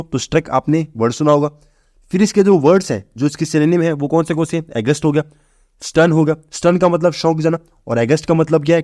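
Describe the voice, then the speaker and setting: A young man teaching exam vocabulary, briskly asking and answering his own questions. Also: a little high, a little mellow, dry recording, clean studio sound. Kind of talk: exam-prep vocabulary lesson.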